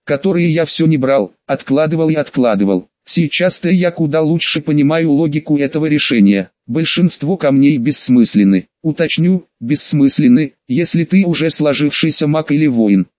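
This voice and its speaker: A man narrating a first-person fantasy audiobook in a measured, wry, conversational way. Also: a little high, no room sound. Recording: dull dry recording.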